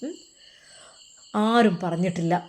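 A woman's voice: lowish voice, slow pace. A woman voicing a soothing fatherly man. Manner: soothing, gently chiding. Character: gentle comforting father, middle-aged man.

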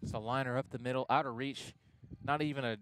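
A young man calling a college baseball game play-by-play, chatty and loose, getting excited on big plays, with the hiccups. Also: mid-range voice, quick pace, a little hiss or hum. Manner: conversational, excited on big plays, self-correcting. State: has the hiccups. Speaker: play-by-play announcer.

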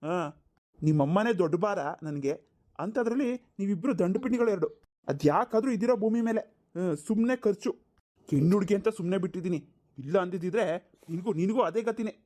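A man's voice: high voice, expressive, brisk, dark tone. A man playing a harsh, abusive father in a cartoon, scolding and sneering with mocking laughs. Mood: contemptuous. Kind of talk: cartoon voice acting.

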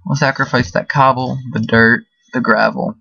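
A man's voice: mid-range voice, fairly even intonation, moderate pace, creaky, pushed and bright, no room sound. Man, casual gameplay commentary, chatty and rambling, dry close sound, slightly dull recording. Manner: chatty, rambling, full of fillers. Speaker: gaming video host. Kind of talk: casual let's-play commentary.

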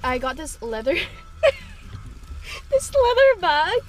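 A woman's voice: very high voice, wildly swooping pitch, extremely slow, slight background noise. A young woman vlogging casually from a parked car, bubbly and giggly with many fillers. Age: young adult. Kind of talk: casual chat. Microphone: camera on dashboard.

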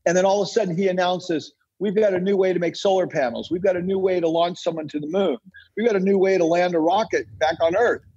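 This United States-born entrepreneur and author, a man guesting on a podcast, delivers emphatic, opinionated answers and leans on repeated phrases to drive them home. He's a fast talker with a high-pitched, fairly even, darkish voice and a breathy edge, and the audio is dull.

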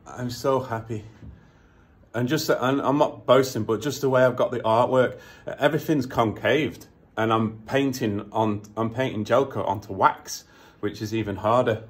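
A man, filming himself on a phone in an indoor workshop as he builds a kayak, talking in a gushing, emotional way with lots of halting restarts. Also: mid-range voice. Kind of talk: casual selfie vlog. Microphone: phone at arm's length.

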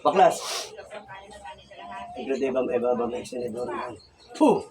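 A man's voice: little pitch movement, fast talker, distant mic, a crowd in the background, rough recording. A man acting as a folk healer, leading a prayer and barking commands and incantations during a healing ritual outdoors. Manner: barks commands and chants incantations; wildly swinging pitch, sudden shouts. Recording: loud background noise.

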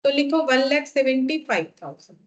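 Indian woman teacher, high voice, slow dictation, asks and answers her own questions. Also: sing-song, highs cut off. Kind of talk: step-by-step classroom lesson.

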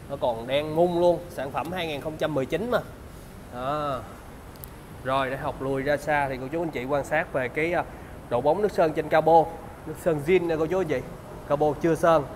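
A man with a southern Vietnamese accent and a slightly high voice delivers a used car salesman's walkaround pitch. He speaks in polite, practised sales patter. The sound is a handheld phone recording in a large service bay, with faint background noise. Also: normal speed. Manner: salesman's patter, polite address and repeated selling points.

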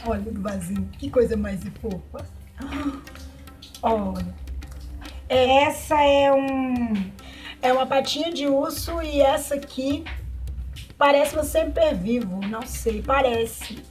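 A Brazilian woman showing off plants she received, gushing with excited exclamations as she talks casually to her viewers. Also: sits high, slow, faint music behind. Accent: Brazilian Portuguese. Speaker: plant vlogger. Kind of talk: casual unboxing chat.

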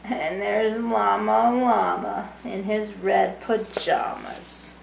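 Her mid-range voice is gravelly and fairly even in intonation, and she reads at a slow pace. This middle-aged early childhood education student sings a rhyming picture book to young children, with little asides explaining things. The echoing home recording, from a small brick-walled room, has slight background noise.

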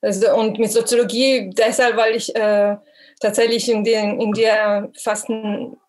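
A woman's voice: a little high, level tone, measured pace, darkish tone. Woman speaking German, hesitant. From Italy. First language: Italian. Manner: hesitant, many fillers and restarts. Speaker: panel participant, cultural mediator. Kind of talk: casual discussion at a dinner table.

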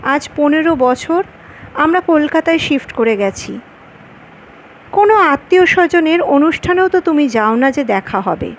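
A woman reading the lines of an earnest grown man in love who is quick to anger, in her own high voice. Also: very animated, a little hiss or hum, full character voice, low-quality recording.

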